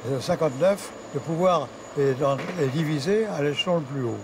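An older man, a former army officer, telling war anecdotes in a brisk way with fillers. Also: on the high side, noisy background. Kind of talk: spoken war recollection.

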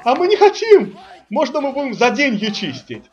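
A man's voice: extremely high pitch, huge pitch swings, normal speed, highs cut off, a faint crowd, exaggerated voice. A man voicing a whining, slacking plumber who grumbles and pleads to dodge army service in a comic parody dub. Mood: pleading.

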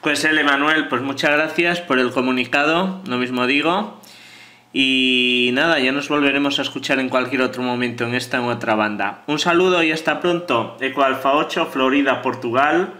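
With a bright, forward, mid-pitched voice, a man working ham radio reads out phonetic call signs and contact details at a moderate pace.

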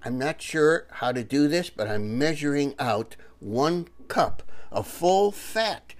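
A man's voice: a little high, expressive, takes it slowly. An older man hosting a casual home cooking video, chatty and enthusiastic, talking from his kitchen.

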